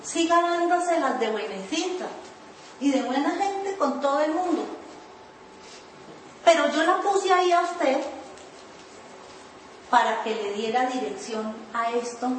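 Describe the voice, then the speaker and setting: A woman's voice: sits high, measured pace, pauses often, slight background noise. A woman pastor preaching a sermon, telling her own story and acting out her pleading in a sing-song whine. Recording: echoey room, voice from far off.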